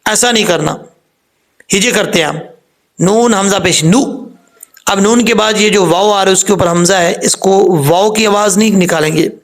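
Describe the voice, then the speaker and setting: A man's voice: high-pitched, normal speed. A man teaching Quran recitation step by step, patiently correcting common mistakes and spelling out letters and vowel marks. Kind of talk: step-by-step tajweed lesson.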